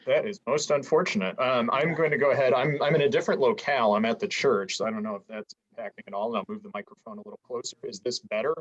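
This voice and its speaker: A man's voice: mid-range voice, quick pace, few pauses, lo-fi sound. A man teaching an adult education class over a video call from a church, his audio volume uneven and often dropping out. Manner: stumbling restarts, easygoing. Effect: audio volume uneven, keeps dropping out. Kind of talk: online church history lecture. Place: inside a church.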